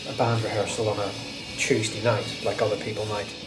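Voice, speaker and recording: Guy almost 40, bit lowish voice, stuffy cold, rambling on with lots of ums, loud music playing in a roomy echoey space. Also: little pitch movement, brisk. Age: 30s. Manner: rambling and reflective, many fillers. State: slightly congested from a cold. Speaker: guitar channel host. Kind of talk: casual rambling talk while working.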